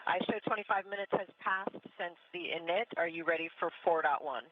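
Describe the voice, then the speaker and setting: A woman's voice: on the low side, brisk, dry recording. A woman speaking as a space station crew member in terse procedure talk, heard over a crackly radio transmission. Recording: tinny radio link.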